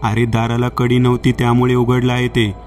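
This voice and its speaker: Steady, soothing male friend, voiced by a male storyteller, flat and matter-of-fact. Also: mid-range voice, brisk, soft background music, natural voice. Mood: calming. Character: calm, reassuring male friend.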